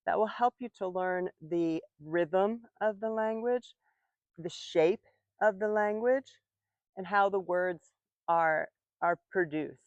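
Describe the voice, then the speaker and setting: A woman teaching English slowly and clearly while working in her garden. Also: medium pitch, dry recording, muffled recording. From United States. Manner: slow, clear, patient explaining. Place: outdoor garden, rooster in background.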